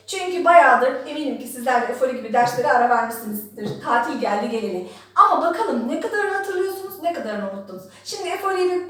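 A woman's voice: high voice, sharp tone. A mother talking playfully to her baby and teaching the alphabet, coaxing with repeated sing-song questions. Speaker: mother and vlogger. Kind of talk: playful baby talk and children's lesson. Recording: echoey room, mic at a distance.

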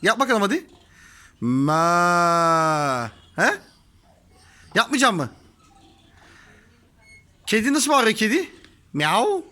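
A woman's voice: fairly high pitch, lively intonation, unhurried, long pauses, bright, forceful tone, breathy edge. A woman talking playfully to her toddler in a garden, coaxing her in a sing-song way. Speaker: parent filming her toddler. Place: home garden by a swing.

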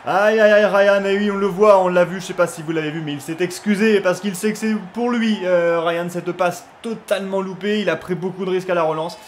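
A young man chatting casually over his football video game, filling gaps with hesitations and shouting with excitement at big moments. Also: high-pitched, brisk, few pauses, slight background noise. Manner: chatty, lots of fillers, bursts of excited shouting on goals. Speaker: gaming YouTuber. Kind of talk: casual gameplay commentary.

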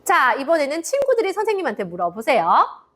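A woman teaching children English, modelling phrases slowly in a sing-song way. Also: high voice, wildly swooping pitch, fairly bright tone.

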